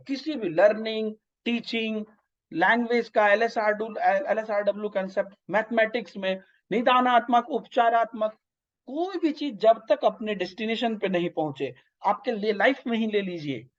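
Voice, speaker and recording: A man's voice: high-pitched, lively intonation, moderate pace. A man with an eastern Hindi-belt accent teaching an online exam-prep lecture, explaining with everyday examples and often checking in with his listeners. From north India. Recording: slightly dull lo-fi audio.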